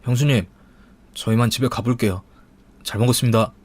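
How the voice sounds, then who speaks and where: A man's voice: medium pitch, fairly even intonation, brisk, close to an everyday voice. A man voicing an idle, sulky young brother-in-law who whines and dodges. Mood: flustered. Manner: whiny, evasive.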